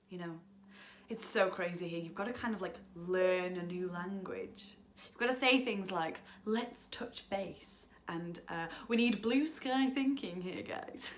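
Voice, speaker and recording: This is a young English actress with a mid-range, fairly bright voice. Performing a monologue, she portrays a talkative, self-absorbed young woman fresh from leaving home, and the delivery swings dramatically.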